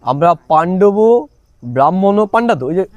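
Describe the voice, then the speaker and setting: A man with a high-sitting, expressive voice leads a spiritual class at a fairly quick pace, using questions and coaxing his listeners again and again to speak up and answer. The recording is dry.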